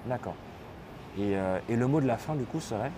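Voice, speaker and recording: A man hosting a live stream, explaining things casually and pausing often on fillers as he reads and answers chat. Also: mid-range voice, expressive, background noise. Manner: explanatory, hesitant, with many fillers. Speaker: livestream host.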